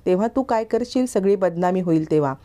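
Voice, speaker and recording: A woman voicing a sharp-tongued, scheming young woman who talks in a needling, insistent way. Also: on the low side, animated, fairly quick, natural voice.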